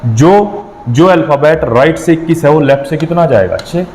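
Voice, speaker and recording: A man's voice: a little high, expressive, moderate pace, a little mellow, big-room sound, slight background noise, poor audio. Man teaching exam maths, counting aloud. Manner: explains step by step, counting aloud with frequent checks. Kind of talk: exam-prep lesson.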